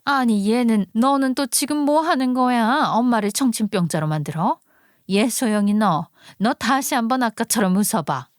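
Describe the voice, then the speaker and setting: A woman's voice: on the high side, lively intonation, moderate pace, no room sound, clean studio sound, natural voice. Haughty scolding older mother-in-law, voiced by a woman. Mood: furious. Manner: nagging, condescending, exclamatory scolding. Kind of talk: audio story drama reading.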